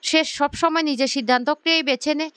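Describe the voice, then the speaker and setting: A woman's voice: sits high, fairly even intonation, a little fast, fairly bright tone, dry recording, pitched above the performer's own voice. A woman reading a combative older brother. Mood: indignant. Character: angry protective older brother.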